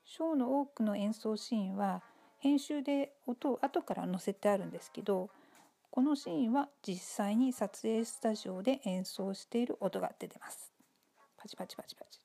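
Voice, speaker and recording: A woman giving relaxed, casual spoken commentary on a TV episode, polite and chatty with many fillers. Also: medium pitch, moderate pace, creaky.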